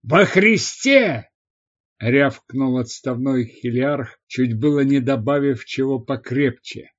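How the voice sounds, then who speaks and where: A man narrating an audiobook in a measured, expressive scripted reading. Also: medium pitch. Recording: slightly dull lo-fi recording.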